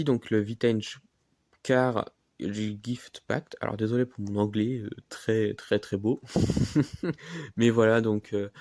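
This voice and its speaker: A man presenting his new model cars in a casual vlog, halting and filling pauses often. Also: mid-range voice, darkish tone, dry recording, clean studio sound. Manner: halting, many fillers and "voilà". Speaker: diecast collector vlogger. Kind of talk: casual show-and-tell vlog.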